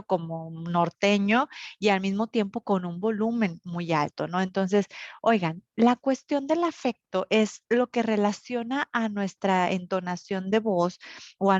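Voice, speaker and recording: A woman's voice: medium pitch, a little mellow, dry recording. A woman teacher from northern Mexico with a Monterrey accent, lecturing an online class and explaining with many fillers and tag questions. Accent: Monterrey Mexican Spanish. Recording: dull, lo-fi recording.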